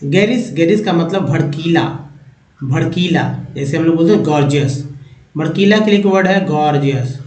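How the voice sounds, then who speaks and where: A man hosting a Hindi-language English vocabulary lesson, explaining each word slowly and repeating it, with a lift in his voice when he brings in a new word. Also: a little high, darkish tone. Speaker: English teacher and channel host. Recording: echoey room.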